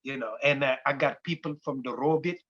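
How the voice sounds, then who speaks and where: A man in his sixties with a Senegalese accent, a dance company founder telling his life story in a halting, unhurried way with many fillers. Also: mid-range voice, fairly bright tone. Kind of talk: personal interview storytelling. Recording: dull lo-fi recording.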